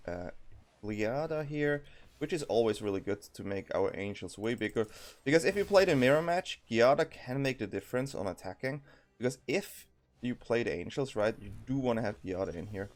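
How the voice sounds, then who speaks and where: A young man with a Swiss accent offers relaxed commentary as he plays cards, thinking aloud and often stopping to um or correct himself. His voice is on the low side and a little mellow, with lively intonation at normal speed.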